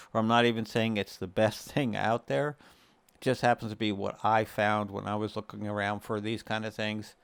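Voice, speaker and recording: Here a gaming video host with a lowish, clear, resonant voice talks viewers through a screen-share tutorial in an easygoing, conversational style, step by step. No room sound is audible.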